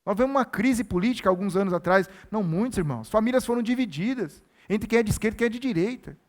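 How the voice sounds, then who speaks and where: High-voiced man preaching earnestly. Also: lively intonation, fast talker. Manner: earnest, exhorting, repeats key phrases. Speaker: pastor. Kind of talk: sermon.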